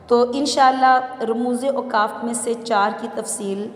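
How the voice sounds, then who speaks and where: A woman's voice: fairly high pitch, steady tone, slight background noise. A woman presenting an educational talk on punctuation, explaining with rhetorical questions and emphatic examples. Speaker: presenter of a language segment. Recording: echoey room with long reverb.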